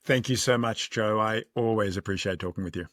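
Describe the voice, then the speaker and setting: A friendly male podcast host with a lowish voice, trading jokes with his guest. The sound is dry and close, with no room echo. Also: brisk, fairly bright tone. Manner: friendly, joking. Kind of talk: podcast interview.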